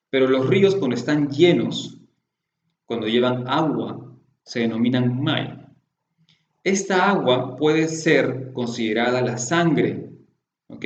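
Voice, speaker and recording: A man's voice: mid-range voice, slight background noise. Man lecturing in a roomy, dull recording. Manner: explanatory, poses rhetorical questions, often adds tag questions. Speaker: lecturer in classical Chinese medicine.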